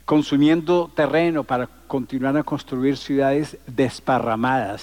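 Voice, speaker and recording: Lecturing publicly at a conference, a sixty-something man from Colombia leans on rhetorical repetition and lists to make his case emphatically. His mid-range voice carries a slightly mellow tone.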